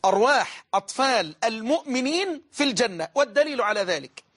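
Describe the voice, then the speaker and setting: A man's voice: very high voice, animated, fast talker, a bit bright, breathy edge. A man with an Egyptian Arabic accent preaching a religious sermon, emphatic and repeating phrases for stress.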